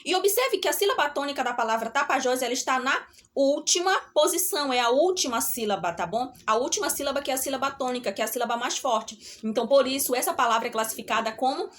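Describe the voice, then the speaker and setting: Brazilian woman, middle-aged, primary teacher on a remote lesson, high bright voice, slow and patient. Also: lively intonation. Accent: Brazilian Portuguese. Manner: slow, drawn-out syllables with a repeated "tá bom?" check.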